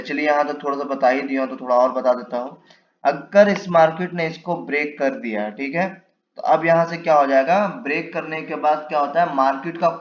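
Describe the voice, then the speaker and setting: Male trading teacher, casual walk-through, quizzes himself as he draws; lo-fi mic in an echoey room. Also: on the high side. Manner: explains while drawing, asks and answers his own questions. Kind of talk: casual step-by-step chart lesson. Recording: echoey room, dull lo-fi mic, faint hiss.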